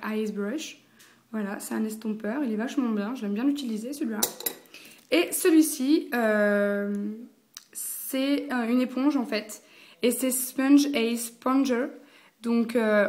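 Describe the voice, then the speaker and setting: A young woman, chatting casually through a makeup review, full of fillers and slang. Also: on the high side. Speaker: beauty vlogger.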